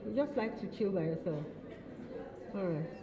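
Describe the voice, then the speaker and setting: A woman's voice: medium pitch, animated, normal speed, over a noisy crowd. Woman in an echoey hall. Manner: repeats and affirms audience answers, playful teasing. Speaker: workshop facilitator. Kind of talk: interactive training session. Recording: echoey hall, dull lo-fi sound.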